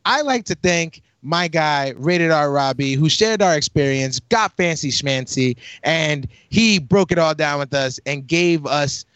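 A man's voice: on the high side, expressive, unhurried, hardly any pauses, a bit bright, clear, resonant tone, no room sound. A man hosting a casual wrestling podcast, playful and theatrical, slipping into announcer-style flourishes. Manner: playful, theatrical, sing-song announcer bits. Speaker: podcast host.

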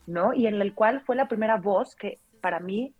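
A Mexican woman, a radio announcer, recounts a memory in a relaxed, anecdotal way, tagging her sentences with little questions. Her voice sits at an ordinary pitch for a woman, with faint music in the background. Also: normal speed, phone-quality sound. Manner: lively anecdotal telling, frequent "o sea" and "¿no?" tags. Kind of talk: casual interview storytelling.

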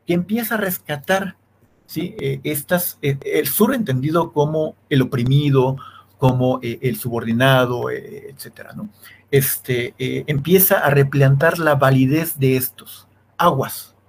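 Male law lecturer, interview guest. Halting, filler-heavy delivery that keeps checking the listener is following. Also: medium pitch, vocal fry, slight background noise. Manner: keeps checking in with a questioning "sí", many restarts and fillers. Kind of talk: academic explanation in an interview.

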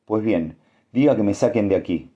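A man voicing a hot-headed young starship captain in a storybook reading, with blunt, heated demands in a low voice. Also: animated, normal speed, breathy edge, lo-fi sound. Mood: angry.

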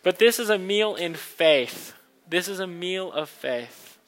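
Male pastor, high bright voice, earnest kindly sermon delivery in short repeated phrases. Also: expressive, slow pace, low-quality recording. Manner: rhetorical repetition in short phrases. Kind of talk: church sermon and communion liturgy.

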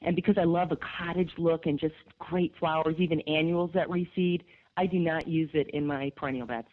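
A woman from upstate New York with a gravelly voice, chatting enthusiastically as a garden expert guest in a radio interview, with lots of fillers. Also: deep voice, steady tone, brisk. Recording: tinny phone line.

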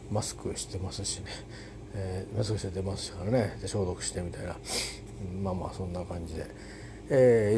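A man talking alone in a casual spoken diary, rambling politely with many fillers and restarts and trailing off softly at the ends of phrases. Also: low voice, noisy background. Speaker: solo podcast host.

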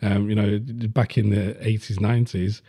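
Man, blunt and sweary, dark voice, dry close sound. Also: on the low side, level tone, moderate pace, no echo. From Leicester, England. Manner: blunt, swears freely, many fillers. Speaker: podcast host. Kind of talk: casual chat.

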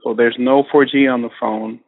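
A man calling in to a radio show, leaving a casual voicemail that is played over a phone line, rambling and halting with fillers and restarts. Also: medium pitch, steady tone, creaky, no echo. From Texas, USA. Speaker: caller.

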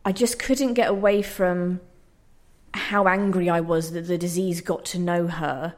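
In this interview, the playwright is a young woman with a lowish, steady voice who talks at a measured pace. Her reflective answers come out hesitantly, thoughtfully, and with some self-deprecation.

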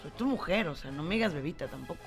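A woman's voice: low voice, animated, quick pace, soft background music. A Mexican woman co-hosting a casual radio chat, chatty and teasing, giving relationship advice with lots of fillers. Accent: Mexican Spanish. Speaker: co-host, psychology commentator.

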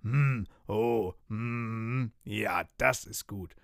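A man growling out a gruff, greedy pirate captain from a storybook, slow and grumbling, with a rougher timbre than a plain reading voice. His rumbling sits dry and close, with no room around it. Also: animated, bright, forceful tone, no room sound. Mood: munching.

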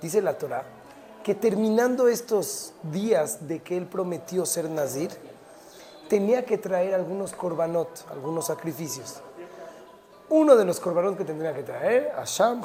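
Animated teacher. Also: mid-range voice, measured pace. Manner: animated, acts out little dialogues, mixes in Hebrew terms. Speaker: Torah teacher. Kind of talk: short Torah talk.

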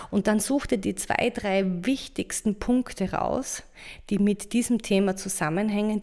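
A woman hosting a podcast, talking the listener through a self-help exercise in a casual, encouraging monologue and often checking in with a quick "ja?". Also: mid-range voice. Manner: warm coaching tone, addresses listener directly with frequent "ja?". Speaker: podcast host and hula hoop coach.

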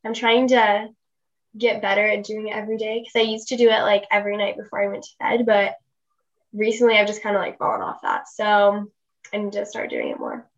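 A woman's voice: mid-range voice, very animated, a little fast, dull audio. A young woman co-hosting a podcast, chatting casually and using plenty of "like" fillers. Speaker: podcast co-host. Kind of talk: casual chat.

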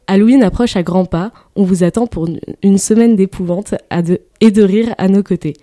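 A young woman reads out a prepared statement with brisk, upbeat energy, running through long lists. Her voice is deeply mellow and warm. The sound is dry and close, with no room around it. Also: no room sound. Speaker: student association co-president.

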